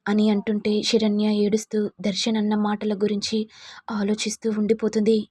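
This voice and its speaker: A woman's voice: mid-range voice, monotone, moderate pace, dark tone, breathy edge, no room sound, clean studio sound. A woman narrating a dramatic family story in a scripted reading style.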